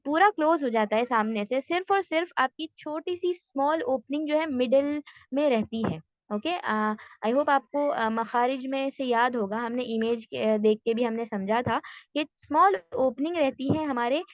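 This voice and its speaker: A woman teaching a tajweed class online, patiently explaining step by step and slowly modelling sounds. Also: high voice, no echo, muffled recording.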